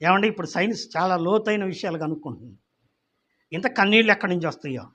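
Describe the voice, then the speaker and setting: A man preaching a sermon as pastor. He keeps putting questions to the congregation, slows right down to read scripture, and drops quiet and low on key words. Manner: calls out questions to the congregation, repeating "ఏమండి?".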